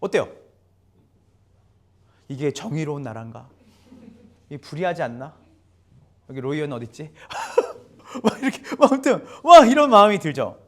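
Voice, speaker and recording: Animated, high-voiced Korean man preaching. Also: moderate pace, long pauses. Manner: lively, conversational, asks the congregation questions. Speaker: guest pastor. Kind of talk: sermon. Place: church sanctuary.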